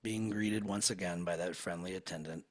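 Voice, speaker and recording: A man with a deep, slightly husky voice talks a client through a hypnosis session. He keeps it slow, soft and soothing, easing into near-whispers as he guides. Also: steady tone.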